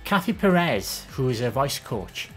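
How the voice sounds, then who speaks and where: A Welsh streamer from the Valleys answers viewer questions at a measured pace, her pitch swinging widely, faint music in the background. She speaks in a soft, gentle but low and less feminine voice, chatting and rambling with many ums and restarts.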